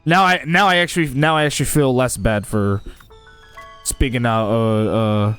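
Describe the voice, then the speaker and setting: A man's voice: medium pitch, fairly even intonation, moderate pace, fairly bright tone, clean tone, faint music behind. A man hosting a live gaming stream, chatting casually with viewers, often repeating and restarting his words. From United States. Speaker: livestream host.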